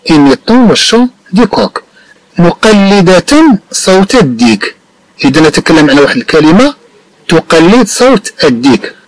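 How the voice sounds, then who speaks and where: A Moroccan male teacher with a higher voice that rises and falls a lot as he explains. He stretches French phrases out slowly, then rattles off quick explanations, recorded dry and close. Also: no echo, poor audio. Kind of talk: bilingual French lesson explained in Moroccan Arabic.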